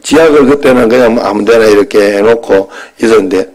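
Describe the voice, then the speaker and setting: A pastor in his fifties delivers a sermon, telling a personal story in a conversational manner, his voice leaping between loud bursts and quiet asides. He speaks at a lowish pitch and a brisk pace, and the recording is rough.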